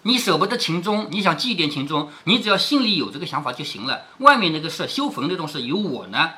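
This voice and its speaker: Lively bright-voiced man explaining a classic novel. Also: fairly high pitch, fast talker. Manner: explains lines in plain words, asks rhetorical questions. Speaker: host reading a classic novel aloud. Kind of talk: storytelling with commentary.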